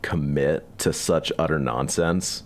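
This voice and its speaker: A man hosting a live online chat, talking casually and haltingly with many fillers. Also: rumbling low. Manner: relaxed, halting, lots of fillers. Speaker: host of a live release party.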